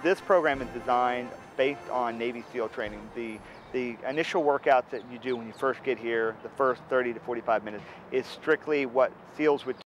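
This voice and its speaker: A male fitness instructor talks through a TV news interview in a matter-of-fact, slightly dry way, dropping an occasional "uh." His voice sits at an ordinary mid pitch. Music plays clearly beneath him. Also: poor audio. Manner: matter-of-fact, dry humor, some fillers. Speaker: boot camp lead instructor.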